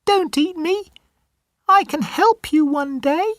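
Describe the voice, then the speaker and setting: Tiny pleading storybook mouse, squeaky, male narrator doing it, dry studio. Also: slow, no room sound. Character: small frightened pleading mouse. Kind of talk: storybook reading.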